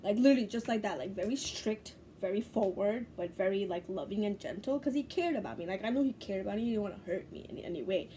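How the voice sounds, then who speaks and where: A woman's voice: medium pitch, fast talker, few pauses, dark tone, slight background noise. A young woman from Bangladesh, a spiritual teacher, telling a personal story to camera in a loose, profane, laughing way.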